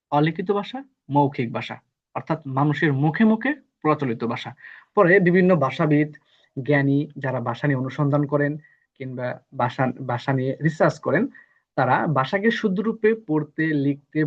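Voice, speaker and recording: A man from Bangladesh teaches a live online lesson, patiently repeating each term so students catch it. His voice sits a little high and sounds husky. The recording is dull and lo-fi. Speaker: English teacher.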